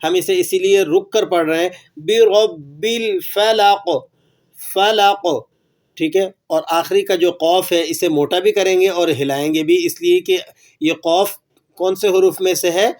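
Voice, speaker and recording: A man's voice: sits high, steady tone, darkish tone. A man teaching Quran recitation rules in a patient lesson, asking questions and then answering them, and repeating phrases for learners to echo. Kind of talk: tajweed lesson.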